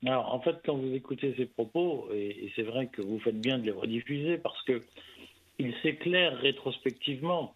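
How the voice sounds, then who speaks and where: A man on a radio talk show, calling in as a guest and explaining things in a measured way. His voice comes through a narrow, tinny phone line. His pitch sits in the middle for a man. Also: breathy edge. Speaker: guest commentator. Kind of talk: radio interview analysis. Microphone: telephone line.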